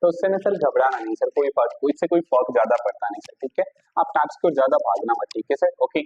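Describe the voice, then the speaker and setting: A man with an Indian accent teaching an English grammar lesson at a board, mixing Hindi and English, dictating example sentences slowly and bantering with imagined students' questions. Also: medium pitch, lively intonation, a little mellow, breathy edge, muffled recording. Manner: mixes Hindi and English, repeats "theek hai sir", dictates sentences slowly.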